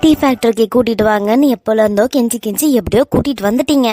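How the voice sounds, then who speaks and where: A woman voicing a cheeky young brother-in-law in an animated romance, whiny and teasing in a Kanyakumari Tamil accent. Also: fairly high pitch, racing, soft background music, lightly acted.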